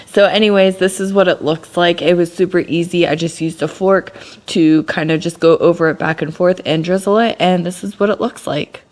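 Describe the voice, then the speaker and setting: A woman hosting a home cooking video, chatting casually and laughing at her own slip-ups. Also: fairly low pitch. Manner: chatty, self-deprecating, laughs at herself. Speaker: home cooking channel host. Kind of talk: casual cooking demo chat. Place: home kitchen. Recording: echoey room with faint background noise.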